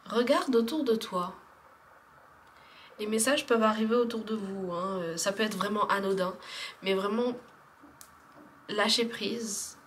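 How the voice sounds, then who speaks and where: A woman talks through a spiritual card reading in a loose, hesitant way, full of fillers and trailing off into near-whispers. Her voice sits at an ordinary middle pitch. Faint background hiss lingers under the recording. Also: a little slow, long pauses. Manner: chatty, hesitant, many fillers, often drops to a soft whisper. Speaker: tarot card reader.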